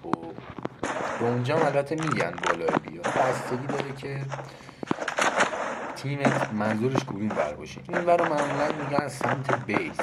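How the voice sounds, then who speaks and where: A Persian-accented man casually explaining game map callouts, thinking aloud with pauses and self-corrections, over game audio with clicking. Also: medium pitch, sing-song, heavy background noise. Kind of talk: casual gameplay walkthrough.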